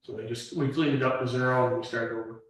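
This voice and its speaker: A man giving a club treasurer's and trail report at a meeting, reading figures slowly with many fillers. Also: medium pitch, fairly even intonation. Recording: echoey room, mic far off.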